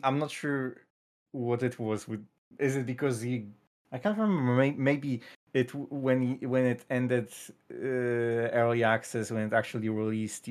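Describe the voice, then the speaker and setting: A man on a gaming podcast panel, talking haltingly with many hesitant restarts. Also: mid-range voice. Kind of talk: casual chat.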